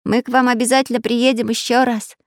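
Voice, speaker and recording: Eager little boy yelling, way high , woman reads him. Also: little pitch movement, fairly quick, dry recording, studio quality, natural voice. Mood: excited. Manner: eager, shouting.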